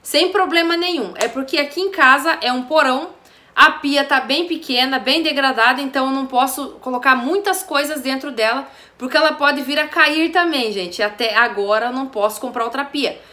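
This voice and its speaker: Casual home vlogger, a woman with a slightly high voice, talking to camera in a roomy-sounding basement kitchen. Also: normal speed, pushed and bright. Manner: chatty, frequent "gente" and "né" asides.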